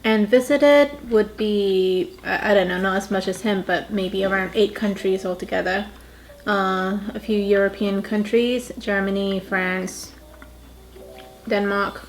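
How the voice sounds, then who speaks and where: A woman's voice: medium pitch, fairly even intonation, a little slow, poor audio. A woman from Thailand, raised in England, in her thirties, chatting casually as she reads out questions for a couple's vlog. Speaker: vlog host. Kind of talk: casual chat.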